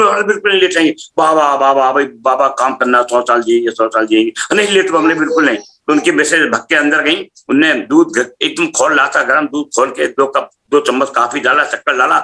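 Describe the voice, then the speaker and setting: A man's voice: medium pitch, fairly quick, hardly any pauses, bright, forceful tone. A middle-aged man giving a personal testimony, telling his story animatedly and acting out the dialogue. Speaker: spiritual practitioner telling a testimony.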